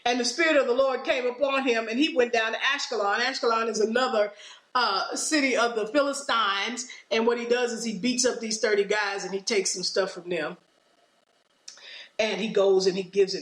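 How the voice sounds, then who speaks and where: A woman's voice: medium pitch, fairly bright tone, echoey room. A woman teaching from the Bible on a podcast, reading verses and then retelling them in loose, everyday speech. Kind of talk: conversational scripture teaching.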